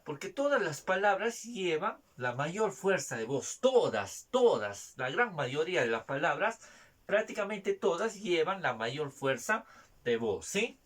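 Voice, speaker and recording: A man teaching a spelling lesson, repeating each point and checking in with quick tag questions. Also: fairly high pitch, very animated, fairly bright tone. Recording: distant mic, faint noise.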